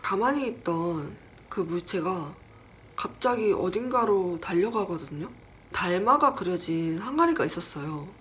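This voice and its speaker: A woman's voice: fairly low pitch, measured pace, a little hiss or hum. A woman casually telling a personal horror story, chatty and self-deprecating, acting out the voices in what she retells. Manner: lively, acts out quoted lines.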